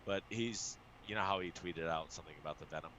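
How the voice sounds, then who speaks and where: Excitable swearing man with a bright voice. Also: deep voice, fast, a little hiss or hum, low-quality recording. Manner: excitable, swears often, many restarts. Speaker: poker streamer and coach. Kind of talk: casual show chat.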